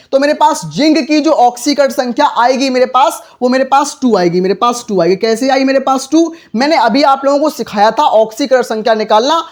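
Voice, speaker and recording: A male chemistry teacher giving a lesson, asking himself questions and answering them and repeating each step. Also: very high-pitched.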